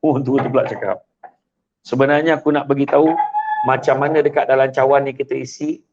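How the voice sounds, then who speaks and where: A man's voice: mid-range voice, quick pace. A man with a Malaysian Malay accent giving a religious talk, telling a story with acted-out voices. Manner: animated, acts out story voices. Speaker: host giving religious advice. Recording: dull lo-fi sound.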